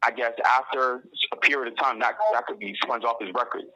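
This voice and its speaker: A man's voice: mid-range voice, steady tone, fast, bright, forceful tone, low-quality recording. A young man from Barbados, a guest talking casually in an interview, earnest and often restarting his sentences. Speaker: guest calling in from prison.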